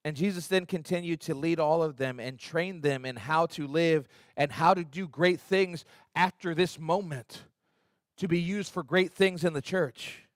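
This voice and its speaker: A man with a fairly high voice preaches an earnest, conversational sermon. He acts out the quotes with energy. The sound is close and dry, with almost no room echo. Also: a little slow. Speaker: pastor. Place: church sanctuary.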